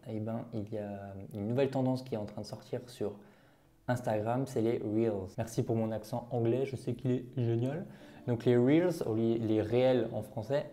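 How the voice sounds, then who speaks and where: A man's voice: mid-range voice, warm tone. A young French man, an online marketing creator, talks through a step-by-step tutorial, full of fillers and rhetorical questions. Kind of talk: screen-share tutorial talk.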